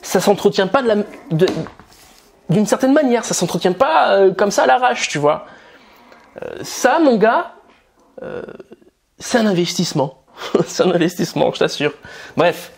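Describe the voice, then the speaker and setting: A man's voice: high-pitched, lively intonation, moderate pace, creaky, long pauses. A man from France giving casual, blunt style and dating advice straight to the camera, swearing freely and calling the viewer buddy.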